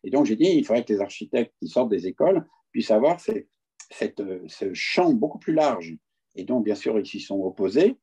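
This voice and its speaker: A man's voice: fairly low pitch, very animated, normal speed, warm tone, breathy edge, highs cut off. A man speaking at an online conference, telling his view in an indignant, hesitant way with frequent fillers. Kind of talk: lecture over video call. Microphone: video call.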